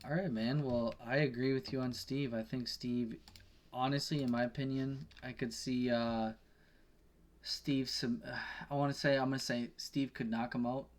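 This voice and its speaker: A podcast co-host rambles casually about his betting picks, swearing and correcting himself along the way. His voice is mid-range, with fairly even intonation and a normal speed.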